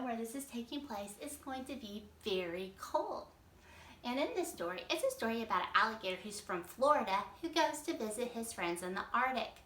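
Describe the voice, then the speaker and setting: A woman's voice: a little high, fairly bright tone. A woman teaching kindergarteners, patiently explaining a story step by step in a read-aloud lesson. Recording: echoey room, mic at a distance.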